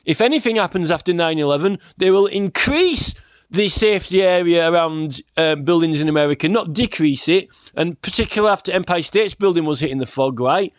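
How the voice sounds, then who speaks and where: A high-pitched man rambles through an informal spoken monologue, animated and brisk, with no echo. He's a complainant campaigning about aviation safety, aggrieved and insistent, and he keeps tagging his points with "right?"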